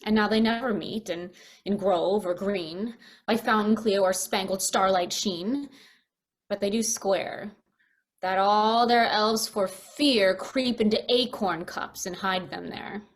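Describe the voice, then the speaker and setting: A woman's voice: medium pitch, slow, lightly acted. A woman playing a mischievous, gossiping fairy sprite in theatrical Shakespearean stage style. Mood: conspiratorial.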